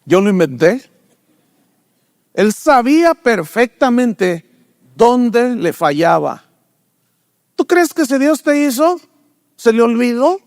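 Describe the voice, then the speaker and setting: Speaking slowly with long pauses, an older pastor preaches to his congregation, asking rhetorical questions along the way. He tells his stories vividly, performing the characters in a higher pitch. The recording is studio quality with no room sound.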